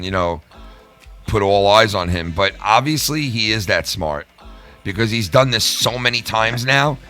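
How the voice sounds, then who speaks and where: A man's voice: lowish voice, pushed and bright. A man hosting a live show in casual livestream talk, profane, rambling and emphatic.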